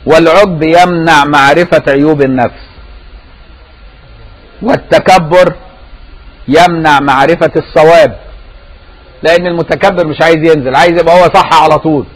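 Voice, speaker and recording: A man's voice: on the high side, steady tone, moderate pace, long pauses, rough recording. A man with an Egyptian accent giving a religious lesson, conversational and often checking his listeners' understanding with rhetorical questions. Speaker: Sufi scholar teaching a lesson.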